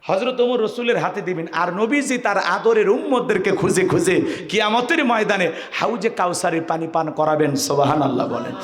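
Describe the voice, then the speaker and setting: High, booming preacher man, echoing. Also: expressive, moderate pace. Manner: calls out to the crowd for answers and repeats questions; bursts into shouting, folksy and joking. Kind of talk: Bengali waz sermon. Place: religious gathering with a crowd.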